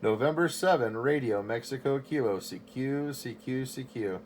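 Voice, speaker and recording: A man at his home station working a ham radio call, calling CQ again and again and spelling call signs in phonetic alphabet. His voice sits mid-pitch, steady and repetitive, with a faint hiss of static behind him. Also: normal speed. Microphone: station microphone.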